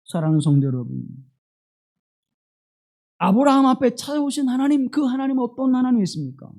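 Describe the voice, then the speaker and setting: A man preaching a Sunday sermon in a church, slowing down for scripture and asking the congregation questions. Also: extremely high pitch, big pitch swings. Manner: slow, dramatic scripture reading with wide swings in loudness; asks the congregation rhetorical questions. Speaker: pastor.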